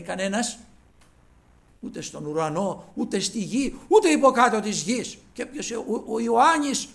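A man delivers a sermon to those he addresses as brothers, recounting scripture in elevated archaic phrasing and swinging from shouts to quiet asides. He has a high, creaky voice.

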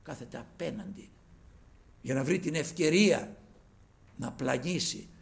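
A male preacher delivering a fervent sermon, calling his listeners brothers and swinging from loud exhortation to hushed asides. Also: medium pitch, lively intonation, creaky.

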